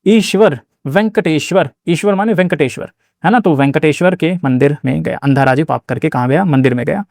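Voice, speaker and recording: A man's voice: a little high, fairly quick, creaky, darkish tone, dry recording, studio quality. A man teaching an exam-prep geography lesson in a casual, chatty way, repeating key words and building memory tricks. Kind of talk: mnemonic-based geography lesson.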